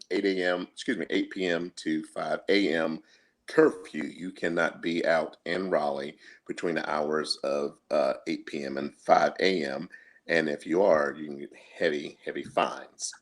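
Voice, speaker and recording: A man co-hosting a casual show from home, telling things in a halting, conversational way. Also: a bass voice. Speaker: podcast co-host. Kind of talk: casual chat, recounting events. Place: indoors at home, remote call.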